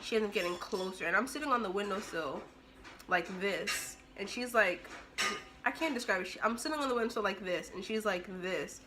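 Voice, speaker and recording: A young woman vlogger telling a story in an animated, expressive way, acting out the scene as she goes. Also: mid-range voice, fairly quick, noisy background. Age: young adult. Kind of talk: storytime vlog.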